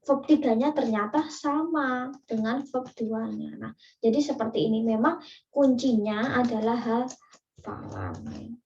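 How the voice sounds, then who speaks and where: A woman's voice: fairly high pitch, expressive, measured pace, darkish tone, slight background noise. Indonesian woman teaching, distant muffled recording. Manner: explains step by step with many fillers and asides. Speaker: English teacher. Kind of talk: online class lecture.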